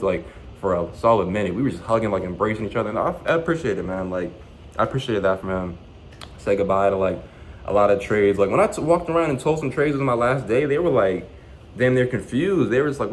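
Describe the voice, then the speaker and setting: A man's voice: fairly low pitch, slight background noise, poor audio. A young man vlogging, telling a story in a loose, profane, slangy way and acting out the dialogue. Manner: animated, profane, slangy retelling with quoted dialogue. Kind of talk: casual storytelling.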